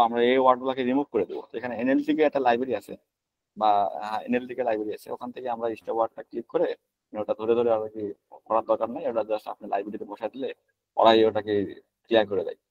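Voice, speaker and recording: A young man teaches a class over slides, talking quickly and casually. He fills his pauses and often corrects himself. His voice sounds close and dry, with no room around it. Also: medium pitch, a little mellow, no echo, low-quality recording. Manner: conversational, many fillers and self-corrections. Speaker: lecturer. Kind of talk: online lecture with slides.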